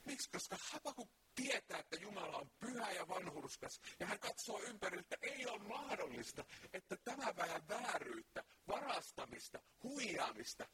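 A man's voice: high voice, big pitch swings, hardly any pauses, bright, forceful tone, slight background noise. A man preaching a sermon, emphatic and full of rhetorical questions.

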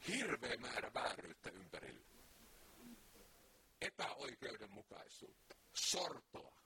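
A man's voice: medium pitch, sing-song, sharp tone. A man preaching a sermon, emphatic and full of rhetorical questions.

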